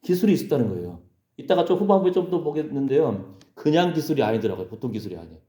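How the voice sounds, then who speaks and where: A man's voice: mid-range voice, big pitch swings, fast, mellow, echoey room. A male pastor preaching a sermon in a conversational way, often checking in with the congregation. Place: church sanctuary.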